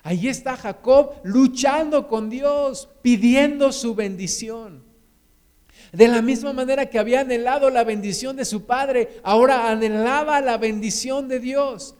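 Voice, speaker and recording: Man, pastor, middle-aged, sermon, high voice, smooth. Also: unhurried. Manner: storytelling, animated retelling with acted quotes.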